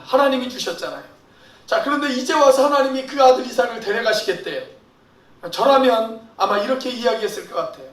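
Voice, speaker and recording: A man's voice: very high voice, lively intonation, a little fast, fairly bright tone. A man preaching a Sunday morning sermon as pastor, talking conversationally and asking the congregation rhetorical questions he then answers himself. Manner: conversational preaching that often starts sentences with "so". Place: church sanctuary. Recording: echoey church hall, mic at a distance.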